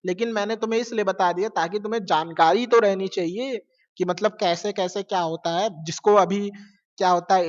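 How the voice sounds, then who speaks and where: A male science teacher giving a casual class lecture, asking questions and answering them himself, repeating key words and mixing in English terms. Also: high-pitched. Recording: lo-fi with long reverb.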